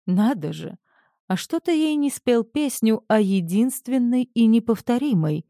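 Женщина озвучивает резкую насмешливую женщину. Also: female voice, on the low side, animated, a little slow, vocal fry, warm tone, no room sound, studio quality, heavily acted. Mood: scornful. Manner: barking, mocking. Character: brash, scornful woman.

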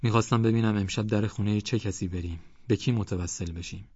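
A man voicing a gentle, earnest village preacher who speaks in a measured way. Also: lowish voice, steady tone, slightly rough, no echo, dull audio. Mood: solemn.

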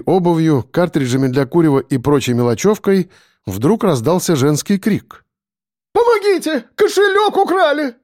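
A man narrating a first-person audiobook in an expressive storytelling voice. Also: mid-range voice, no echo, studio quality.

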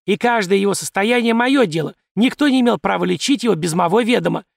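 Man playing a domineering peasant wife, high-pitched, raspy, loud, scolding. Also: animated, quick pace, no room sound, clean studio sound. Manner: shrill, scolding, bossy.

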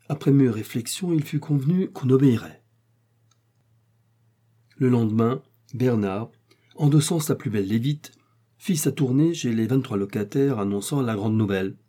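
A man narrating a classic story in a measured, expressive reading. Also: fairly low pitch.

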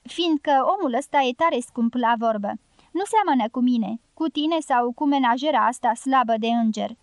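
A blunt, teasing guerrilla woman with a strong, pleasant voice, as a woman reads her out. The voice sits high and the recording is dry and close, with no room sound. She jokes with an edge. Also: no echo. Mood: bold teasing. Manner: teasing, forceful.

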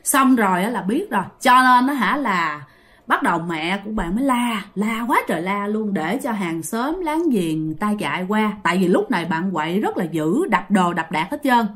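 Animated and a bit bright, a medium-pitched woman with a Southern Vietnamese accent spins a ghost story at a moderate pace. She keeps it chatty and casual, talking directly to those listening.

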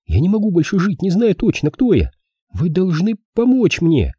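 A man voicing a desperate nineteen-year-old woman in an audiobook, high and pleading. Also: big pitch swings, fairly quick, warm tone, breathy edge, no room sound, heavily acted. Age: young adult.

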